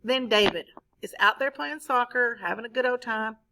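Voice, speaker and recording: A woman's voice: on the high side, normal speed, noisy background. A woman teacher, reading a story aloud to her class and stopping to ask questions. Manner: expressive, asks the class questions.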